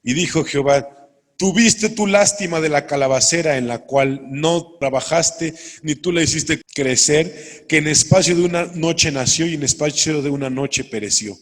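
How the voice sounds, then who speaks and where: A man preaching a sermon, reading scripture aloud and explaining it earnestly to his congregation. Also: mid-range voice. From Mexico. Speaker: pastor. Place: church hall. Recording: long hall reverb.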